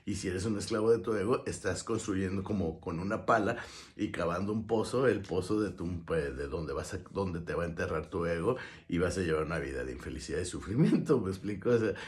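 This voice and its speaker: A man lectures in a low, conversational voice. He preaches at the listener and slips into the voices of the people he quotes as he makes his points. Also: lively intonation, brisk, darkish tone. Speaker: motivational speaker. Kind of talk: conversational monologue.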